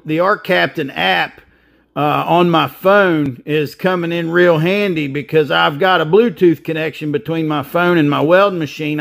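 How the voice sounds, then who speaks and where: With a slightly high, somewhat bright voice and vocal fry, a man in his fifties hosts his welding channel, giving practical, plainspoken how-to talk with frequent filler. Settings are a welding shop and an outdoor work site.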